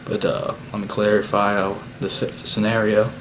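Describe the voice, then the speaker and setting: Low, flat-voiced man recapping a hunt. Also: rough recording. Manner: relaxed, unhurried, many "uh" fillers. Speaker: bowhunter and channel host. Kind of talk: casual hunting vlog talk. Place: at home after the hunt. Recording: steady background noise.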